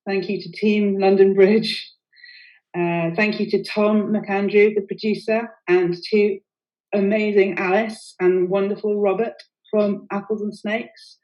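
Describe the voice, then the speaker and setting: A woman leading a poetry programme, giving a casual, halting thank-you speech with fillers. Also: medium pitch, flat delivery. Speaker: workshop leader and host. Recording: slightly dull lo-fi audio.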